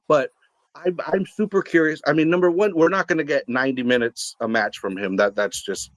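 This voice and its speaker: A male podcast co-host in a casual sports chat, talking with an animated, excitable delivery. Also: on the high side, brisk, dry recording.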